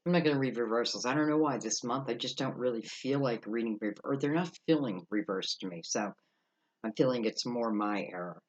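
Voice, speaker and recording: A man giving an unscripted, mystical horoscope tarot reading, musing aloud with halting pauses and rhetorical questions. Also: medium pitch, lo-fi sound. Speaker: tarot card reader.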